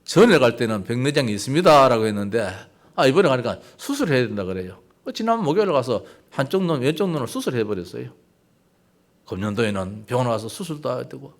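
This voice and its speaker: A man's voice: medium pitch, big pitch swings, quick pace. An older man preaching a sermon as pastor, talking conversationally and asking the congregation rhetorical questions.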